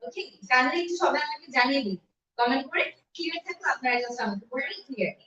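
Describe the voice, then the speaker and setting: High-voiced woman teaching, echoey distant mic. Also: lively intonation, pushed and bright, dull audio. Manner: switches between Bengali and slow deliberate English. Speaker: online English teacher. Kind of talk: live-streamed language lesson. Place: room at home.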